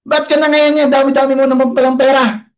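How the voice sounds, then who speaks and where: A man's voice: very high-pitched, level tone, quick pace, voice pushed up. A man voicing a busy, impatient father who curtly scolds his young son. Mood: angry. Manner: curt and scolding.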